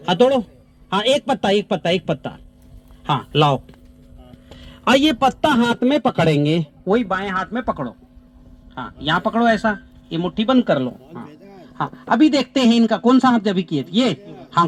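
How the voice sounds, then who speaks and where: A man leading a natural farming training outdoors on farmland, animated and repeating short commands to participants. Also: high voice. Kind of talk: live outdoor demonstration with participants. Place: outdoors on farmland under trees.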